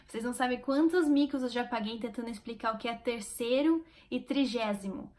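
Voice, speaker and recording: Brazilian woman vlogger, high voice, chatty and encouraging. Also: brisk, darkish tone. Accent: Brazilian Portuguese. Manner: chatty and encouraging, speaking straight to viewers. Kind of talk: casual vlog.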